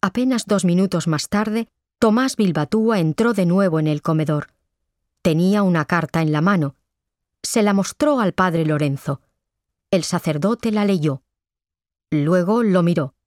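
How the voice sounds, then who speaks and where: A woman narrating a simple story slowly and clearly. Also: on the low side, a little mellow, dry recording, clean studio sound.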